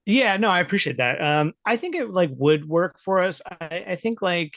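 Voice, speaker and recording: A man's voice: sits high, lively intonation, normal speed, fairly bright tone, dry recording, clean studio sound. A man talking loosely as a podcast guest, full of "like" fillers and easy laughs. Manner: loose and chatty, many "like" fillers, laughs often. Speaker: podcast guest, writer and editor. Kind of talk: casual interview chat.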